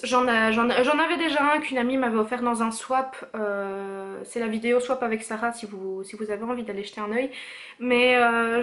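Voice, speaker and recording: A young woman vlogger chats through her beauty haul at home, her voice a little on the high side. She talks casually with lots of little fillers and restarts, straight into the camera mic. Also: a bit bright. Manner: chatty, many fillers and self-corrections.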